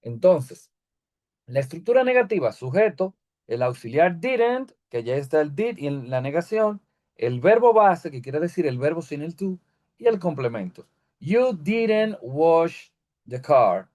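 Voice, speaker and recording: A man explaining English grammar step by step, slowing down to read example sentences. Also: a little high, very animated, dark tone. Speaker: English teacher. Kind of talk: recorded grammar lesson.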